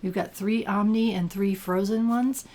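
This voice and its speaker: An older woman with a gravelly whiskey voice, chatting and rambling casually as she hosts a game walkthrough. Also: medium pitch, steady tone, normal speed, warm tone. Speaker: gaming video host. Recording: clear background noise.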